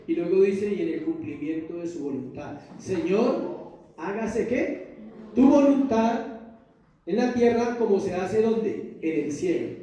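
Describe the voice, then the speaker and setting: A man's voice: sits high, dark tone. A man preaching a sermon as pastor, emphatic, throwing questions to the congregation and answering them himself. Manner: emphatic call-and-response preaching. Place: church hall. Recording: echoey church hall from far off.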